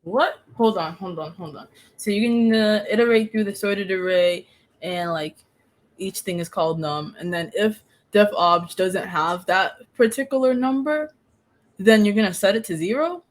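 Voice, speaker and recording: A young woman hosting a casual coding session, chatty and quick to check her understanding with questions. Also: medium pitch. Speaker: host coding with her husband. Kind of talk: casual live-stream chat.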